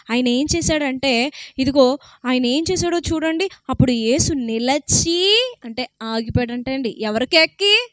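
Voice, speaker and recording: A woman's voice: sits high, pushed and bright, no room sound. A woman preaching a sermon, telling a story and asking her listeners question after question.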